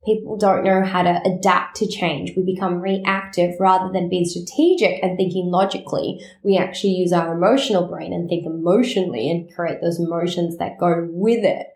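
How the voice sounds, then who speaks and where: A woman with a lowish voice hosts a casual solo podcast in an echoey room. She talks in a chatty, rambling, animated way with quick asides, and her voice sounds nasally and congested.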